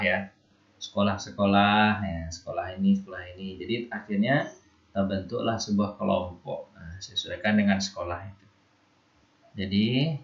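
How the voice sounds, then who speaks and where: Guy teaching a religious lesson, keeps repeating words for students, kinda echoey dull audio. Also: on the low side. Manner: teacherly, repeats and drills terms, checks with "ya". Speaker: Islamic studies teacher. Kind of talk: recorded lesson.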